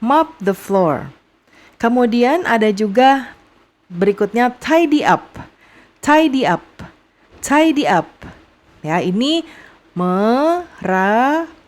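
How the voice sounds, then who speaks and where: Speaking in a slightly high, sing-song voice, this young Indonesian-accented English teacher goes over vocabulary with young students, patiently saying every phrase again at a slow pace.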